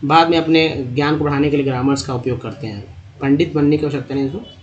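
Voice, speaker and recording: A man teaching English pronunciation to other speakers, patiently spelling out letters and repeating words slowly. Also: a little high, muffled recording. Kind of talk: spoken lesson on English pronunciation.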